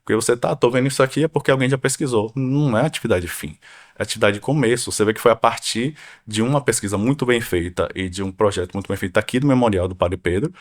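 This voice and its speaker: A man with a fairly low voice talks in a relaxed podcast chat. He tells his story with energy and acts out what he thought at the time. He is a guest researcher from Salvador, Brazil. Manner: animated storytelling with acted-out quotes. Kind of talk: casual podcast conversation.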